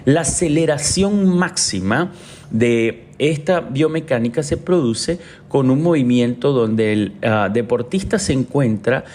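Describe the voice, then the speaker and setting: A man's voice: medium pitch, lively intonation, a little slow, a little mellow. A man from Venezuela, an orthopedic doctor, giving an explanatory medical talk with frequent hesitation fillers.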